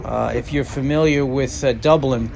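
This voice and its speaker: A man's voice: medium pitch, steady tone, moderate pace, creaky. A man hosting a plane spotting vlog with casual commentary. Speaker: channel host, plane spotter. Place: airport terminal. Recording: loud ambient airport noise.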